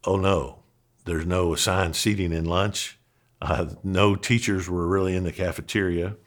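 A middle-aged man with a Southern accent from Kentucky, a pastor telling a personal story in an earnest, animated way with frequent restarts. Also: sits low, measured pace. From Western Kentucky, USA. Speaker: pastor and podcast host.

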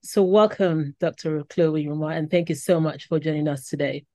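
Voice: mid-range voice, fairly even intonation, moderate pace, mellow, dry recording. An upbeat, welcoming podcast host reads a scripted guest introduction and asks interview questions. The sound is dry and close, and the voice sits mid-range.

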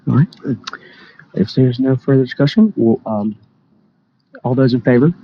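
A man's voice: mid-range voice, moderate pace, slightly rough. A man speaking as a committee chairman, running through formal meeting business in a conversational way. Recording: dull lo-fi meeting-room audio.

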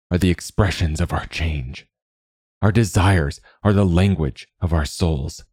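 A man voicing a gentle, wise older male guide who speaks slowly and in a fatherly way. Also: low voice, breathy edge, no echo, clean studio sound, exaggerated voice. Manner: slow, fatherly, calls the youth lad.

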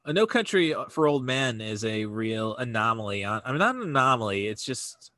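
A man chatting casually on a podcast, talking haltingly with many fillers and restarts. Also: medium pitch, very animated, bright, forceful tone, no echo.

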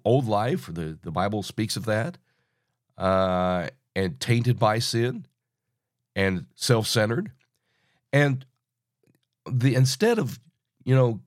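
A man in his sixties hosting an informal Bible teaching podcast, talking in a halting, rambling way, sounding hollow as if through a tunnel. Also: mid-range voice, no room sound, clean studio sound. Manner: halting, rambling, self-interrupting. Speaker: podcast host.

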